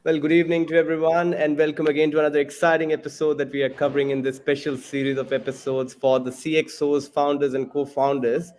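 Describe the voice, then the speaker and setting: A man's voice: fairly high pitch, little pitch movement, fast, few pauses, darkish tone, faint music behind. A man hosting a podcast interview, leading in with long, meandering introductions. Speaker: podcast host.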